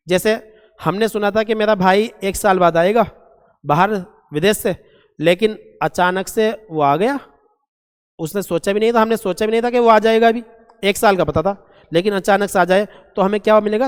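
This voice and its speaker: A man's voice: sits high, moderate pace, smooth. A man teaching an exam-prep vocabulary lesson, repeating each word and quizzing his students, whom he calls "beta". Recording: long reverb in a hall.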